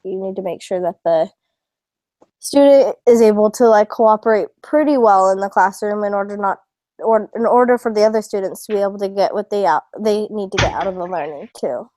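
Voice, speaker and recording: Mellow-voiced young woman student, rambling. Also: medium pitch, fairly quick, dry recording. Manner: rambling, many "like" fillers. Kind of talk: casual group discussion.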